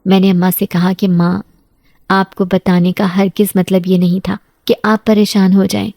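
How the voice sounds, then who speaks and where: A woman narrating a scripted first-person horror story in a steady storytelling voice, close to the mic. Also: medium pitch, no room sound.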